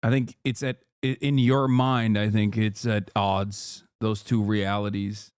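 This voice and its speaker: A man's voice: fairly low pitch, flat delivery, a little slow, darkish tone, clear, resonant tone, no echo, studio quality. A man from Turkey streaming live, reading and answering his chat in blunt casual talk that swears freely.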